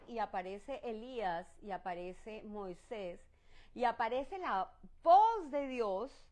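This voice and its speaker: A woman with a soft voice leading a Bible study, animated and expressive, mixing in English exclamations. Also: a little high.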